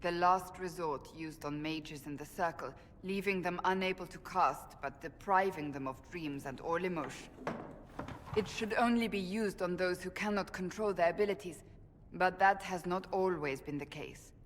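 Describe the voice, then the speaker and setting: In dramatic fantasy game acting, a woman voices a stern, earnest warrior of a holy order, speaking formally and intensely with a grave mood. Her voice is lowish, her pace moderate, the acting light. A reverberant hall with faint ambient noise surrounds her.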